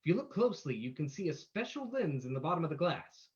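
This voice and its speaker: A man's voice: on the high side, sing-song, fast talker, highs cut off. An actor playing a suave, menacing male vigilante detective in an old-time radio drama, with a theatrical, explanatory manner. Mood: confident, explaining.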